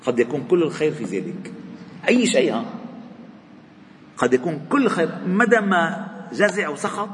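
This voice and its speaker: A man's voice: fairly high pitch, expressive, moderate pace, pauses often, a bit bright. A man with a Lebanese accent teaching a religious lesson in a mosque, telling stories expressively and rising sharply when voicing people in them. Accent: Lebanese Arabic. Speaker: sheikh teaching a religious book. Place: mosque hall. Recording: long hall reverb, faint background noise.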